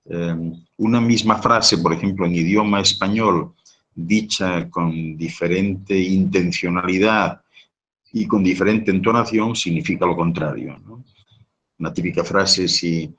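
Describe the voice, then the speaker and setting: A man's voice: deep voice, unhurried, fairly bright tone, rough recording. A man giving a live talk, answering audience questions with long explanations and frequent rhetorical question tags. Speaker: guest speaker on sound and language.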